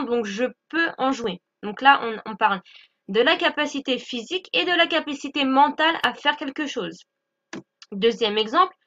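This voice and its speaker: Bright high-voiced teacher. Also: female voice, dull audio. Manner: patient, repeats "d'accord?" often. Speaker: English teacher. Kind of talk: explaining lesson over slides.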